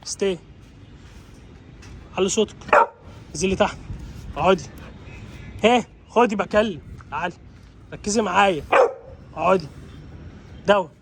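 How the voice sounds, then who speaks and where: A man's voice: high voice, moderate pace, creaky, pauses often, a little hiss or hum. A man with an Egyptian Arabic accent, a dog trainer vlogging and giving his dog short, repeated commands.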